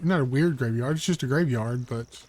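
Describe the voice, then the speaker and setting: A man's voice: medium pitch, normal speed, darkish tone, a little hiss or hum. A man streaming a video game, chatting casually and making wry remarks as he explores. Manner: chatty, wry, thinks aloud. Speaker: gaming streamer. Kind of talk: casual let's-play commentary.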